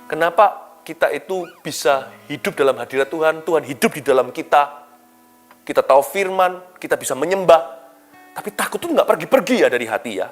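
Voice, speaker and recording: A man preaching a devotional sermon as a pastor, animated, moving between loud emphatic lines and quiet, soft asides, with English phrases mixed in. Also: fairly high pitch, fairly quick. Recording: soft guitar music behind.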